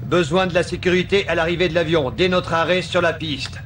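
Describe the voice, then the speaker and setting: An actor playing a strained airline captain on the radio in a documentary reenactment of an emergency. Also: male voice, on the high side, little pitch movement, a little fast, a bit bright, slight background noise, natural voice. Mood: urgent, strained.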